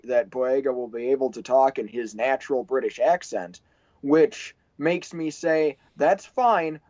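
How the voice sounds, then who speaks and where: A man's voice: on the high side, darkish tone, no echo. A man co-hosting a podcast in casual panel chat, chatty and laughing between points. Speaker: podcast co-host. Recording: dry, dull podcast mic.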